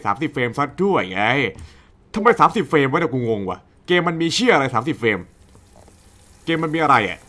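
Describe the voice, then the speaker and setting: A man's voice: on the high side, very animated, fairly quick, pushed and bright. A young man casually commenting on a horror game, swearing a lot and shrieking and laughing at the scares. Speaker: gaming YouTuber. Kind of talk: horror let's play commentary.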